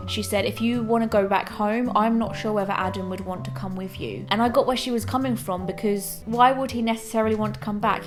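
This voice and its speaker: A British woman in her twenties talking casually and candidly to viewers, like a reflective personal vlog. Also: on the high side. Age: 20s. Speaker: vlogger. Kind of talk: casual chat to camera.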